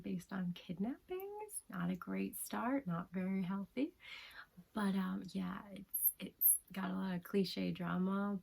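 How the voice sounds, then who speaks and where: A woman casually reviewing manga, talking softly in a half-whisper with frequent giggles and plenty of fillers and restarts. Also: medium pitch, vocal fry, rough recording.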